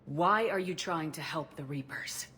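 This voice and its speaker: A woman's voice: low voice, a little slow, heavy background noise. A woman playing a steely, resolute space commander in a video game, speaking firmly and directly. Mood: probing. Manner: firm, direct.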